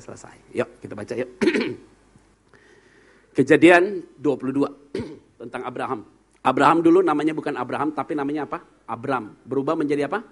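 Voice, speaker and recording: A man preaching as a pastor in a church service, telling frank, humorous stories and quizzing the congregation. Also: mid-range voice. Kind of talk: sermon.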